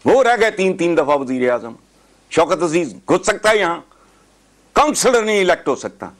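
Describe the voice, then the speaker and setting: A man's voice: high voice, big pitch swings, normal speed. A man, a political commentator arguing emphatically and slipping English phrases into his talk. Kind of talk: heated talk show debate.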